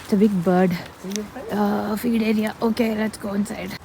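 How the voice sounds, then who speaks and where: A woman chatting excitedly as she vlogs her visit to an animal park, mixing in English words. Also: medium pitch, drawn-out words, gravelly, crowd noise, poor audio. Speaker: vlogger. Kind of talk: casual vlog narration. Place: outdoor wildlife park with rain.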